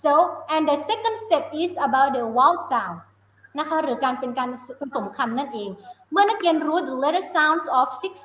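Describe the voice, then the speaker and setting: A woman teacher with a high voice explains phonics on a live stream, moving between Thai and English. She keeps checking that her listeners understand, and the sound is roomy and echoey. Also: big pitch swings, slow, a bit bright, slight background noise. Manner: mixes Thai and English, asks checking questions. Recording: roomy echo.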